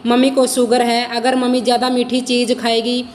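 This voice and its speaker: A woman's voice: fairly high pitch, completely flat delivery, moderate pace, a little mellow, long reverb tail, lightly acted. A woman voicing a bitter, quarrelsome married daughter in a storybook reading, with a complaining, indignant manner.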